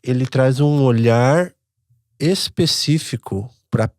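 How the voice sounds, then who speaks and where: A man's voice: mid-range voice, slow pace, dry recording, studio quality. A Brazilian man co-hosting a podcast, reflecting aloud on what he has learned in a casual way. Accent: Brazilian Portuguese. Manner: reflective, thinks out loud. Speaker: podcast co-host. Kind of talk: casual chat.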